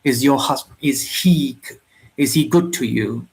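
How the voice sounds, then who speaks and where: A man's voice: mid-range voice, a little slow, close to an everyday voice, rough recording. A man voicing a heartbroken young man who pleads with emotion, in a storybook reading. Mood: sad pleading.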